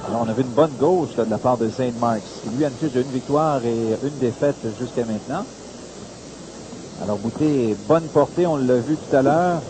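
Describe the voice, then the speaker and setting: A man's voice: mid-range voice, moderate pace. Male boxing commentator over noisy hiss. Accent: Quebec French. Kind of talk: conversational sports commentary.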